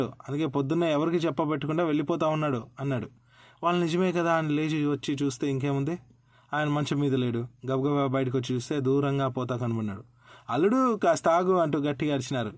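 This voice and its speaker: A man narrating a folk tale in a lively, expressive way as a channel host. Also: medium pitch, no room sound.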